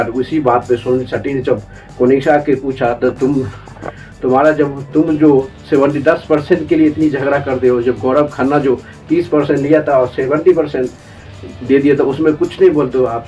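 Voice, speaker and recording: A man's voice: mid-range voice, darkish tone, distant mic. A man giving casual, rambling gossip commentary on a TV show, repeatedly addressing viewers as friends and brother. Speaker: entertainment news commentator.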